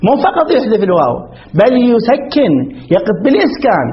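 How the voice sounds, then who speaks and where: A man explaining a grammar text as a teacher. He asks questions, answers them himself, and repeats the example words slowly. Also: high-pitched, very animated, a little hiss or hum. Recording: dull lo-fi recording.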